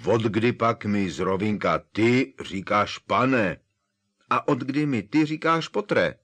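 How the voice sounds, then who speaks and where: A man voicing a huge, gruff half-giant gamekeeper who talks loud and grumbling. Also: fairly low pitch, animated, voice pushed up. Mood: outraged.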